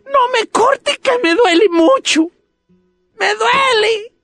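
A woman's voice: sits high, expressive, a little slow, fairly bright tone, dry recording, soft background music, voice pushed up, heavily acted. A woman voicing a small, frightened male Christmas tree that begs and cries out in pain. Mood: crying in pain. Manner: whimpering, begging, cries out in pain.

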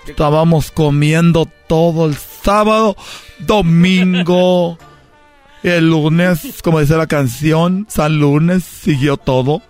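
A man with a high voice and a Mexican Spanish accent spins an animated comedic story in casual chat, quoting the voices of the people in it. Faint music plays behind him. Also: slow pace.

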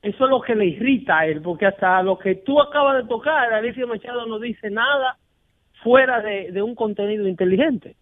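A man's voice: high-pitched, fairly quick, no echo. A man hosting a radio talk show, arguing emphatically and mimicking callers in quoted voices. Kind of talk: animated radio debate. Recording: dry, phone-like broadcast audio.

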